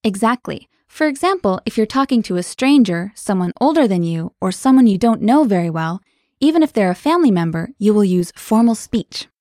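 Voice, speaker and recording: A woman's voice: medium pitch, lively intonation, brisk, darkish tone, no room sound. Cheerful woman teaching in a dry studio. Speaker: language lesson co-host. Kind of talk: scripted podcast lesson.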